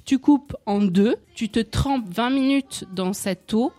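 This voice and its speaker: A woman's voice: fairly high pitch, slow, mellow, soft background music. A woman in a casual radio chat, explaining home beauty remedies step by step. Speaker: beauty book author guest.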